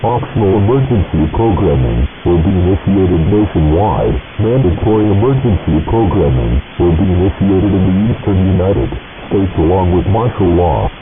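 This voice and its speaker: Deep male voice cutting into a broadcast. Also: normal speed, long pauses, over music. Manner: formal, even, official reading. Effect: emergency broadcast cutting into programming. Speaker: emergency alert announcer. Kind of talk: scripted emergency announcement. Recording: tinny noisy broadcast audio.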